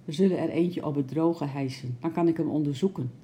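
A woman voicing a calm, thoughtful male zoo doctor in a storybook, quiet and measured. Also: low voice, natural voice. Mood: grave.

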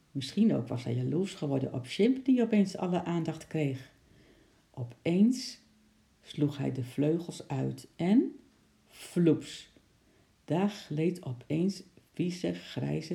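A calm storyteller reads a children's book aloud. The voice is dark and mellow with a gravelly edge. The delivery stays steady and even. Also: mid-range voice.

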